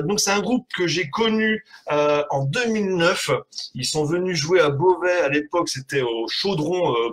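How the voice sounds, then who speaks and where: A man hosts a live web show in loose, rambling talk, swearing freely and poking fun at himself. His voice is a little high and husky. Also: fairly bright tone, low-quality recording. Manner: rambling, swears often, self-mocking. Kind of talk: casual live-stream chat.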